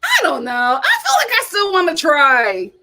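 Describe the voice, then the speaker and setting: Hosting a laid-back reality TV chat show, this American woman with a high voice reads and reacts at a moderate pace. Her intonation rises and falls energetically, and she slips in teasing little jokes as she talks.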